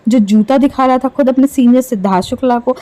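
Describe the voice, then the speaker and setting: Sarcastic gossiping woman, mellow voice. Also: high-pitched, fast, poor audio. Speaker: gossip commentator. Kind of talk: casual commentary on reality show clips.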